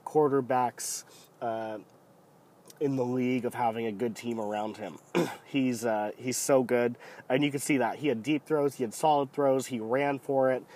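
A podcast host with a head cold, his voice deepened and a little mellow from being sick, gives solo football commentary. He is casual, rambling, and opinionated, and he often hesitates.

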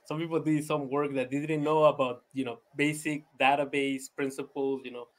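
Here the pitch is on the higher side, the tone level, the speed normal. He's an easygoing, chatty guest on a podcast, born in Venezuela, prone to laughter, restarts, and plenty of "you know" fillers during a casual interview.

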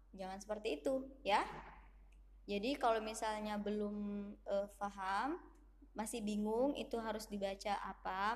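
A woman teaching children to read the Quran, explaining slowly and patiently and reading syllables aloud as examples. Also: fairly high pitch, a little hiss or hum. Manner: slow, patient teaching; reads syllables loudly and drawn out as examples. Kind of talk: recorded online lesson for children.

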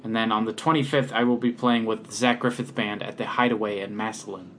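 Easygoing man with a halting delivery. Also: fairly low pitch, a little hiss or hum. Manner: relaxed, hesitant with many ums and uhs. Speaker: podcast co-host and local musician. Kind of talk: casual podcast chat.

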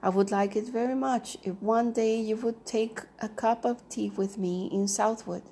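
A woman's voice: fairly high pitch, fairly even intonation, normal speed, warm tone, a little hiss or hum, natural voice. A woman reading the part of a reserved, obstinate retired male banker who speaks hesitantly and politely.

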